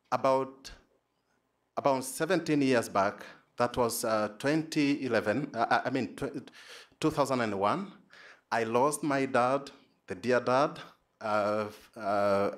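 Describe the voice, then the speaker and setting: At an academic conference, a Tanzanian-accented man who is a PhD student gives a halting, hesitant presentation with frequent repeated words. His voice is medium in pitch.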